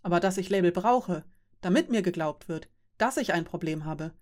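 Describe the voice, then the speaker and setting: A woman voicing a patient, weary fairy who explains things in a calm, measured way. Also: fairly low pitch, close to an everyday voice. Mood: resigned.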